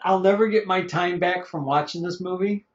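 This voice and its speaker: A man's voice: high-pitched, normal speed. Chuckling man reviewing movies, lo-fi. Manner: rambling, chuckling, stumbles over names. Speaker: podcast co-host, movie reviewer. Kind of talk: casual chat. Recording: dull lo-fi podcast audio.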